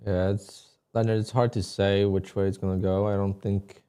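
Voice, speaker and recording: Low, mellow-voiced man streaming trades. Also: clear, resonant tone. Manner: relaxed, thinking aloud, halting restarts. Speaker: livestream day trader. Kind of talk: casual live-stream chat.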